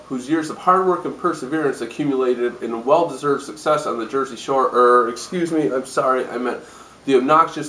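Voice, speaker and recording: Echoey off-mic guy playing hungover news anchor, deadpan and sardonic, parody newscast, medium pitch. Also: slight background noise, natural voice. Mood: mock-sincere, sardonic. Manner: deadpan, jaded. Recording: roomy echo, distant microphone.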